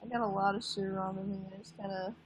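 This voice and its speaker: A woman's voice: medium pitch, steady tone, quick pace, a little hiss or hum, poor audio. An eighteen-year-old woman chatting casually on a livestream, laid-back and swearing offhandedly. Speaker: livestream guest. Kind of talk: casual chat.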